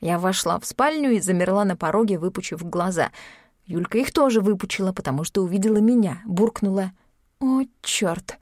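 Lady reading a first person audiobook, wry and ironic, middle pitch, totally dry mic. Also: fairly quick, darkish tone, no room sound. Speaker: audiobook narrator.

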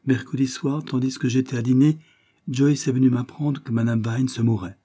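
A man's voice: mid-range voice, fairly even intonation, normal speed, mellow, voice pushed up, close to an everyday voice. Man voicing a grave, solemn husband. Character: grave husband revealing a secret.

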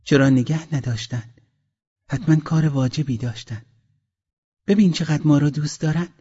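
A man's voice: a little high, warm tone, breathy edge, long reverb tail, pitched above the performer's own voice. A man voicing a poor, trusting village wife who speaks in an eager, hopeful way. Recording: dull lo-fi audiobook recording.

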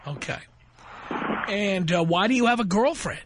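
A man's voice: high-pitched, animated, moderate pace, noisy background. A man hosting a call-in radio show, blunt and lecturing, cutting in on callers. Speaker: radio talk show host.

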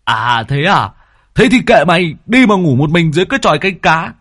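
A man voicing a mischievous young male servant who teases loudly and excitably. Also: on the low side, takes it slowly, dry recording, studio quality. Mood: indignant. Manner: loud, mocking, excitable.

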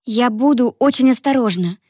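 A woman's voice: on the high side, moderate pace, darkish tone, husky, dry recording, clean studio sound. A woman reading an audiobook, voicing a determined young woman who pleads earnestly with her mother. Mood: reassuring. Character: determined young woman, guilty but resolute daughter.

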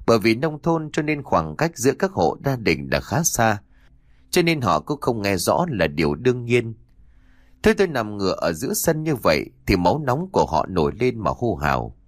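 A man narrating a horror audiobook in a slow, dramatic storytelling manner. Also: lowish voice, big pitch swings, no echo, clean studio sound.

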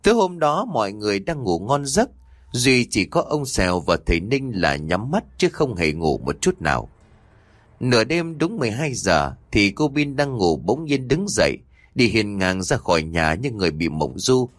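A man narrating an audio ghost story with expressive storytelling. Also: on the low side, moderate pace, no echo, studio quality.

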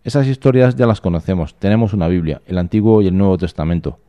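A man reading the flat, blunt lines of young twin boys in a storybook reading. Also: deep voice, quick pace, muffled recording, close to an everyday voice. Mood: deadpan.

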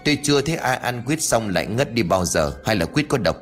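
A man's voice: on the low side, big pitch swings, a little fast, soft background music. A man playing a brusque middle-aged village medic in a spoken ghost story, asking curt, irritated questions.

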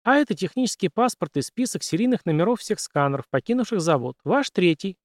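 A man voicing a quick-tempered young woman who speaks bluntly and challenges others. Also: high-pitched, big pitch swings, no echo, clean studio sound, pitched above the performer's own voice. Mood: challenging.

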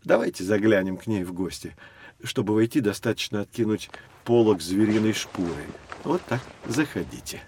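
Playing a knowledgeable professor, an actor explains prehistory to kids in a scripted educational audio drama, taking the role of their guide. His voice is lowish and a little mellow, animated, at a moderate pace, with slight background noise. His mood is patient and his delivery is that of an explanatory lecture.

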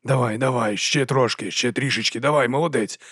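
A steady stable master who speaks in a soft, soothing murmur, as a male narrator puts him on. He talks at a medium pitch, and the sound is dry and close. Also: brisk, husky, no echo. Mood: coaxing.

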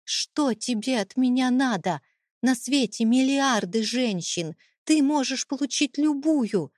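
A woman's voice: medium pitch, expressive, normal speed, darkish tone, no room sound, studio quality, close to an everyday voice. Woman voicing a desperate, defiant young mother. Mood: desperate defiance. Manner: pleading, defiant, tearful. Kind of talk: audiobook character reading.

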